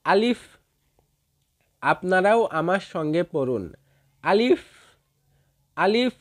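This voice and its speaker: A man teaching how to pronounce letters, drawing out each sound and repeating it for listeners to follow. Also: a little high. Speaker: Quran reading teacher. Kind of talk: slow step-by-step recitation lesson.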